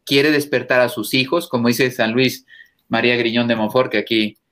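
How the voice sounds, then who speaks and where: Emphatic priest speaking forcefully. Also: male voice, fairly even intonation, moderate pace. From Mexico. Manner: emphatic, forceful, rises in pitch when stressing points. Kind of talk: interview guest, impassioned preaching talk.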